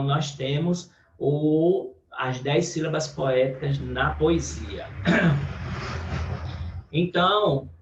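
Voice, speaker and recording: Brazilian male teacher, unhurried and slightly high voice, lecturing from a distance in an echoey room, dull audio. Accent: Brazilian Portuguese. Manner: explains step by step, checks in with "certo?". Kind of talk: online class lecture.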